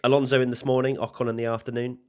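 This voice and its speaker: A man's voice: medium pitch, level tone, racing, darkish tone, smooth. A man hosting a motorsport livestream, giving casual commentary and informally talking himself through tasks with dry teasing. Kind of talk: casual live commentary and chat.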